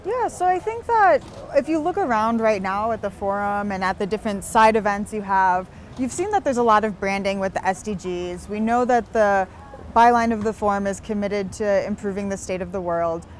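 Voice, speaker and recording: A young woman talks earnestly and at length in an outdoor street interview, often restarting her phrases. Her voice sits at a middle pitch. Faint traffic and street ambience run underneath. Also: normal speed. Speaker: interview guest. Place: outdoors on a busy town street in winter.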